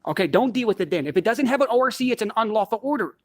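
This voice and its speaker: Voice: mid-range voice, expressive, racing, no room sound. A blunt, insistent person who repeats demands and swears, arguing and commenting confrontationally while filming in a building lobby. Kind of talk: confrontational argument and commentary to camera.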